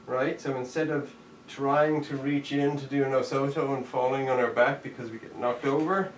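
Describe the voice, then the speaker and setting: Counting out steps while demonstrating moves, a jujitsu instructor leads an online martial arts class in real time. His medium-pitched voice keeps a fairly even intonation and moderate pace, picked up by a distant mic in an echoey room with faint noise behind him.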